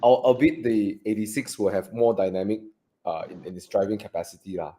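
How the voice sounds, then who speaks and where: A man with a Malaysian English accent co-hosting a live car Q&A in relaxed, chatty talk that trails off softly. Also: lowish voice, fairly quick. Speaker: co-host of a car buying Q&A. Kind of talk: live stream casual chat.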